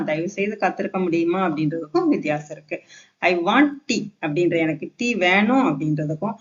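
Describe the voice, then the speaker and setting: A spoken English teacher explains polite phrases, saying the English lines slowly and carefully and often checking that listeners follow. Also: medium pitch, muffled recording. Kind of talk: explaining a language lesson.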